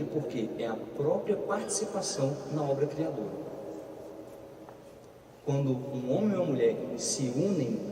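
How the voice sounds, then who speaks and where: A young Brazilian man gives a lively, humorous church talk, acting out dialogue as he tells his stories. The sound is echoey with a long reverb tail, captured from a distance in a big hall. Steady background noise runs underneath. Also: medium pitch. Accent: Brazilian Portuguese. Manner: animated, humorous storyteller who acts out dialogue. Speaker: speaker at marriage preparation course. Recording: roomy hall, far from the mic, noisy.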